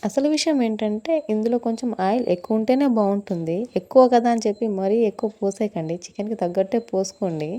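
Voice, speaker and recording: Mom cooking in a tiny hot kitchen, chatty, keeps asking viewers stuff, mellow voice. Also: female voice, medium pitch, quick pace, hardly any pauses. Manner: chatty, asks viewers questions. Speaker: cooking vlogger and mother. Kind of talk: casual cooking vlog narration. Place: small hot kitchen room.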